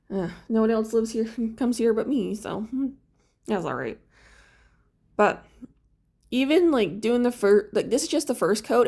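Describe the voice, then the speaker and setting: A woman's voice: medium pitch, creaky, darkish tone. Chatty, sleepy-sounding woman vlogger. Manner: chatty, rambling, many fillers. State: sleepy, just woke up. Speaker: crafts vlogger. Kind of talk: casual talk while painting.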